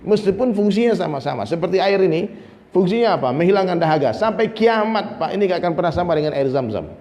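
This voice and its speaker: A man from Indonesia's region, giving a lively, humorous sermon to an audience. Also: sits high, fast. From Minangkabau, Indonesia. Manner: lively, humorous preaching, often addressing listeners. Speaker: preacher. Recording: long reverb, faint ambience.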